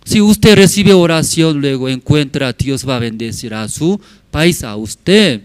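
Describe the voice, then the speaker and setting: A man's voice: on the high side, lively intonation, unhurried, clean tone, no room sound, pitched above the performer's own voice. A man voicing a tearful woman church member who pleads emotionally. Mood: pleading.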